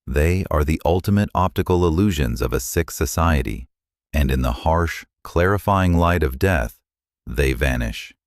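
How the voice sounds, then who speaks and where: Very deep-voiced solemn male narrator. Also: dry recording, clean studio sound. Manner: solemn, contemplative delivery. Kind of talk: scripted narration.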